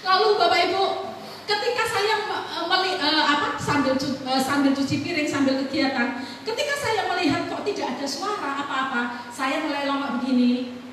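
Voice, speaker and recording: A middle-aged woman pastor giving a sermon in a large church, telling a family story with lively acted-out dialogue. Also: high-pitched, moderate pace, far from the mic, slight background noise. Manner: animated storytelling, acting out dialogue. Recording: echoey hall, voice from afar.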